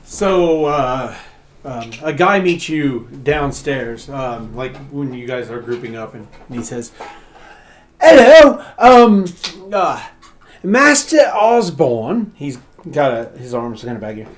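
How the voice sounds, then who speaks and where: Slow, hesitant male game master. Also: medium pitch. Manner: unhurried, hesitant, lots of fillers. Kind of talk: narrating a tabletop game. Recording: echoey room.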